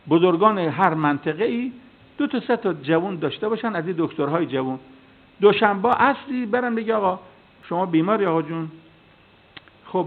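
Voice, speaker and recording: A male cleric giving a sermon, telling stories and acting out the dialogue in them. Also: on the high side. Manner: storytelling with acted dialogue, animated. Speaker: cleric and preacher. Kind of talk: sermon with anecdotes. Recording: tinny phone-like sound.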